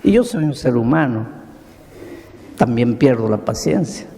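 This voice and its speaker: A man preaching a sermon as a pastor, telling a story slowly and dramatically with repeated lists and rhetorical questions. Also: mid-range voice, lively intonation, vocal fry, dark tone, big-room sound, slight background noise.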